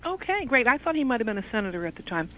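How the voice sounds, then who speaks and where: Woman caller over a phone line, high lively voice, muffled sound, faint hiss, short polite remarks. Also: very fast. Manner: brief, polite, slightly hesitant. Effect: heard over a telephone line.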